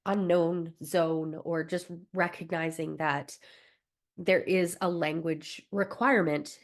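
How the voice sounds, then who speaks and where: A young woman from Alberta, Canada, with a lowish voice presents a recorded wellbeing workshop. She coaches listeners encouragingly, slipping in light laughs and fillers.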